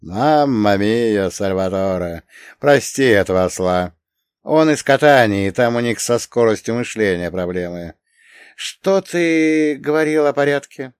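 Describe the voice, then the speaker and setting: A man voicing a young mafia boss in his thirties, cool and theatrical, with a lazy, even drawl that turns to barking. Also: medium pitch, a little slow, clean tone, no room sound, clean studio sound, voice pushed up, lightly acted. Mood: exasperated. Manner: languid drawl that flares into barking.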